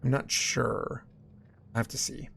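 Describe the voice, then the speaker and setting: A man's voice: medium pitch, flat delivery, a little slow, vocal fry, a bit bright, breathy edge. A man live-streaming a video game, chatting casually with his viewers and exclaiming at small things. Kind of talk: casual live stream chat while gaming. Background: game music.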